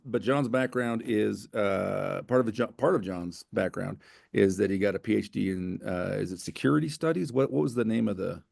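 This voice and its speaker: A man's voice: mid-range voice, vocal fry, darkish tone, no room sound, clean studio sound. A man hosting a casual interview who rambles, stopping and restarting his phrases. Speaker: podcast host and editor. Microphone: remote call.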